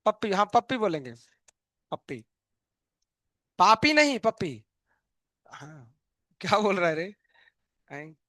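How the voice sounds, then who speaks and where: A man's voice: high voice, big pitch swings, moderate pace, long pauses, fairly bright tone, no echo, studio quality. A male chemistry teacher, giving a live online lecture in a playful, joking way and asking students questions that he answers himself.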